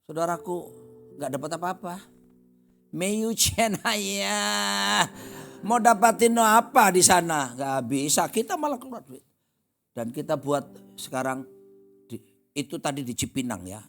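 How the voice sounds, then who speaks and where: A middle-aged man, a pastor, preaching a sermon with animated storytelling and acting out voices in the dialogue. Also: sits high, unhurried, gravelly, long pauses, faint music behind.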